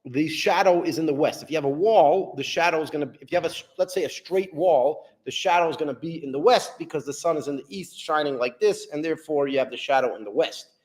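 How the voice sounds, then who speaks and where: A man's voice: fairly high pitch, fast talker, hardly any pauses. Rambling male rabbi lecturer. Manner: repetitive, rambling, asks rhetorical questions. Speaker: rabbi teaching Talmud. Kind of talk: explanatory lecture.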